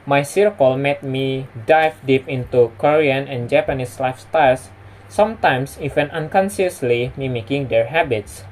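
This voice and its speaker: A young adult man speaks English with an Indonesian accent, as a native speaker of Indonesian and Minang. His voice sits at a middle pitch. He delivers a prepared personal talk in the way of a student presenting to camera. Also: normal speed, a little mellow, slight background noise, poor audio. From West Sumatra, Indonesia.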